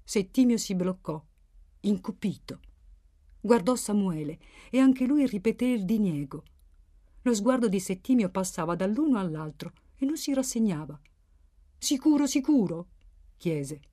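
A woman narrating a novel in a measured, expressive reading style. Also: mid-range voice. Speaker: audiobook narrator. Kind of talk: literary narration.

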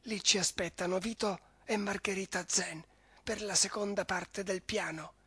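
A man reading a story and voicing a scheming male rat in a breathy half-whisper. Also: high voice, steady tone, normal speed, sharp tone, dry recording, studio quality, voice pushed up, exaggerated voice. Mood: urgent, hushed.

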